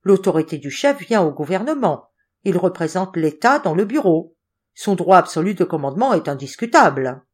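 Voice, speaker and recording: A woman's voice: mid-range voice, big pitch swings, moderate pace, hardly any pauses, a little mellow, pitched above the performer's own voice. A woman reading the part of a pompous, authoritarian male deputy office chief who lectures his colleagues. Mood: exasperated. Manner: indignant, lecturing.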